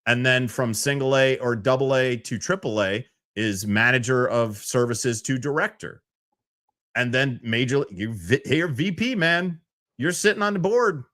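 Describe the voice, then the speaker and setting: This podcast co-host speaks at a medium pitch and a measured pace. In a casual sports discussion, he argues animatedly, leaning on comparisons to business to make his case.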